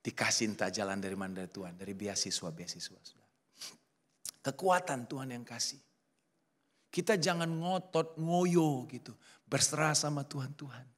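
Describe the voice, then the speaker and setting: A middle-aged man preaches at a church service with a voice of middle pitch. He tells stories in a lively way, acting out the quotes of the people in them. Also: normal speed. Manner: lively storytelling with acted quotes. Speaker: pastor. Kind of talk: sermon.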